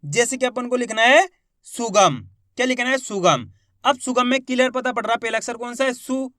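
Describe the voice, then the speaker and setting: A man with a high voice gives a reading lesson for beginners. He sounds out words syllable by syllable and repeats each one slowly. The recording is close and dry, with no room echo. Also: pushed and bright. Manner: encouraging, asks the learner questions. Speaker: Hindi reading teacher.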